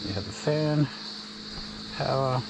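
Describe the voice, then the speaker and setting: Slow-talking Australian man at a campsite. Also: medium pitch, creaky, background noise. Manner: relaxed, plain-spoken, unhurried tour guide. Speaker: camping vlogger. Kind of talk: casual walk-through narration. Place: outdoor bush campsite. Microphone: handheld action camera.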